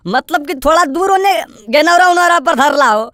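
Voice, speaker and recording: High-voiced quarrelsome Magahi woman. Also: expressive, moderate pace, fairly bright tone, no echo, clean studio sound. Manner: quarrelsome, complaining. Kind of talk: scripted village comedy skit.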